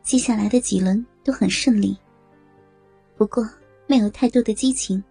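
A woman narrating a story in a steady way. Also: medium pitch, moderate pace, vocal fry, husky. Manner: steady narration, voicing characters. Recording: dry close voice with faint music.

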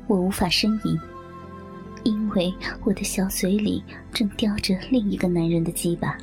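A woman reading a first-person story aloud in a soft, half-whispered delivery. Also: mid-range voice, fairly even intonation, moderate pace, soft background music.

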